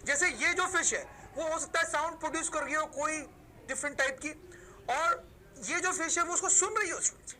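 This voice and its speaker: Woman teacher, lecture to camera, piercing bright tone, rhetorical questions to "students". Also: sits high, rough recording. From Pakistan. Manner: explains slowly, poses questions and answers them herself; addresses the listeners as "students" almost every sentence. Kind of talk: recorded video lecture.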